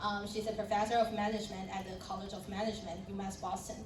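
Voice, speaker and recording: A woman's voice: medium pitch, little pitch movement, quick pace, a little mellow. Woman moderating a panel, roomy and distant. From Taiwan. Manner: friendly, with light laughs and fillers. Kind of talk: panel introductions and presentation. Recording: roomy sound from a distant mic with background noise.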